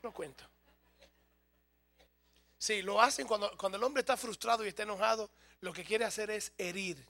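A man's voice: high-pitched, normal speed, pushed and bright. A man preaching a sermon as a pastor, humorous and speaking straight to his congregation.

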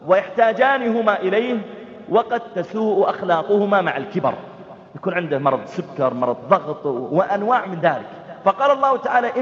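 A man preaching a sermon, telling lively stories, acting out family dialogues and chanting verses. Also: sits high. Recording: dull, reverberant hall recording.

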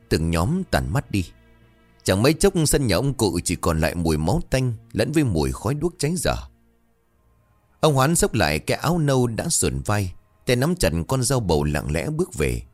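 A man narrating a horror story in a measured, suspenseful way. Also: lowish voice, a little mellow.

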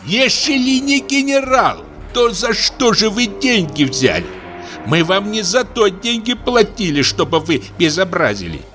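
A man's voice: sing-song, a little slow, bright, forceful tone, faint music behind, full character voice. A man voicing a coarse, reproachful elderly mother of the bride. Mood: scolding. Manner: shrill and reproachful.

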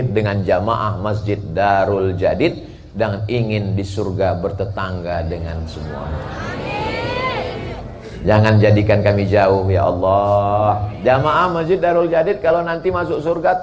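A man preaching a sermon at a mosque gathering, jokey and animated, swinging from loud shouts to near-whispers. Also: lowish voice, a little hiss or hum. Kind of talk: sermon at a mass religious gathering. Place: mosque event.

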